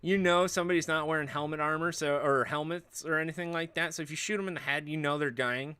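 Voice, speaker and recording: Guy hosting a stream, rambly jokey rant, bright clear voice. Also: on the high side, fast. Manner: rambling, joking, animated rants. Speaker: livestream host. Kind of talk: casual livestream chat.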